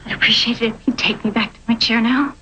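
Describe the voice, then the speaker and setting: A woman's voice: fairly high pitch, fairly even intonation, fast talker, sharp tone, slight background noise, low-quality recording. An actress playing a guarded young woman who speaks in a dry, hesitant way. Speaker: film character.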